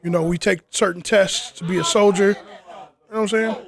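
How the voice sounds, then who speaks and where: A man's voice: high-pitched, steady tone, fairly quick, vocal fry. A man hosting a casual outdoor podcast interview, who keeps tossing in "you know what I'm saying" as he talks. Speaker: interviewer and group leader. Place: outdoors in the cold.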